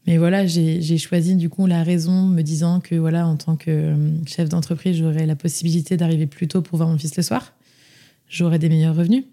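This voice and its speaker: Her voice is deep, warm and level, and she speaks briskly. She's a young woman recounting her own story as a guest on a casual podcast interview, rambling chattily with plenty of fillers and restarts.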